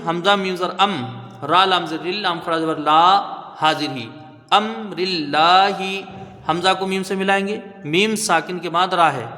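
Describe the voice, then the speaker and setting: A man teaching Quranic recitation, spelling out letters and then slowly chanting each word, often checking with "right?". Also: fairly high pitch, bright, forceful tone, in a large hall. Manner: patient, drawn-out chanting of each word, frequent "theek hai?" checks.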